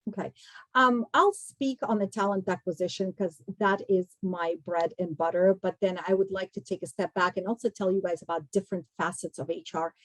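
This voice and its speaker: Speaking a little fast in a lowish voice, a Kazakh recruiting executive addresses students as a guest speaker, talking through careers conversationally and directly. The recording is dry and of poor quality.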